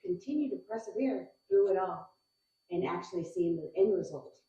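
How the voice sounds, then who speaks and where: A woman from Houston speaking as a panel guest, measured and reflective. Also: on the low side, animated, warm tone. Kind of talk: casual panel talk. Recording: echoey, dull-sounding room.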